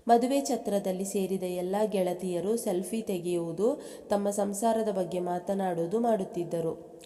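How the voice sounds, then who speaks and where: Woman storyteller in a reverberant room. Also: medium pitch. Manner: reads aloud at an even pace, dropping into the characters' speech for quotes. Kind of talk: narrating a love story, voicing each character's quoted lines. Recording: long reverb.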